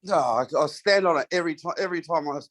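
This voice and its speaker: A man with a slightly higher voice speaks up on a casual video call. He asks things plainly and directly. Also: fast talker, a bit bright. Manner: plain, straightforward questioning. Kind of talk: casual group chat.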